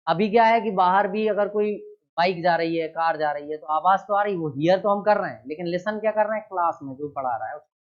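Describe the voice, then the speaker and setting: A male teacher giving an exam-prep grammar lesson, asking questions and then answering them himself, with key words stressed loudly. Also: high-pitched, quick pace, muffled recording.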